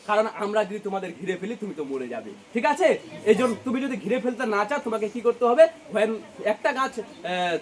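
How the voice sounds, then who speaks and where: A young man with a Bengali accent teaching a poem, asking questions and answering them himself. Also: high voice. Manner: mixes English lines into explanation. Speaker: English teacher. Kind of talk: poetry lesson for students.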